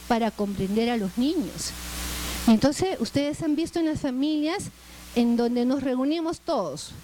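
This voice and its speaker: A woman's voice: high voice, a little slow, mellow, slight background noise, rough recording. A middle-aged woman with a Peruvian accent, lecturing a class in a chatty way and often tagging her sentences with questions. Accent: Peruvian Spanish. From Peru. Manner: conversational, frequent "¿no?" tag questions.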